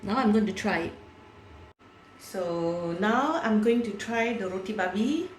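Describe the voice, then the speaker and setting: A woman's voice: medium pitch, lively intonation, measured pace, roomy sound, a little hiss or hum. A woman hosting a cooking video, chatting casually and walking through each step aloud as she cooks. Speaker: cooking channel host.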